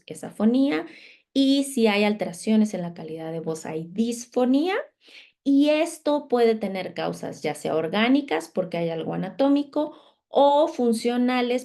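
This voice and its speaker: A woman speech therapist delivers a conference lecture in a mellow, warm voice. She explains step by step in a patient tone and often pauses to check that her listeners are following. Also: mid-range voice, gravelly.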